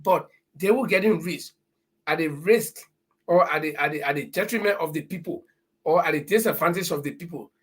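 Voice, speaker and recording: Man, middle-aged, high husky voice, emphatic, preachy. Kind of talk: casual discussion.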